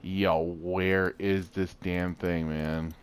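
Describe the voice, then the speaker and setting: A man's voice: low-pitched, level tone, slow pace, slight background noise. A man chatting casually while playing a co-op game, often exclaiming and laughing. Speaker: gamer. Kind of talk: casual co-op gameplay chat.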